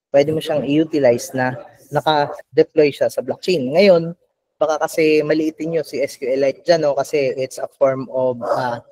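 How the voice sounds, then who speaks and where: A man's voice: on the high side, a little mellow, rough recording. A man with a Filipino accent presenting a tech workshop to a live audience, explaining step by step with frequent fillers and "no?" check-ins. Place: event venue with live audience.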